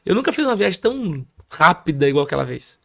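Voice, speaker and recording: A Brazilian man sharing his testimony in a casual conversation, as an animated storyteller who acts out voices. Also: fairly high pitch, fast, vocal fry. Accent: Brazilian Portuguese. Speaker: guest preacher.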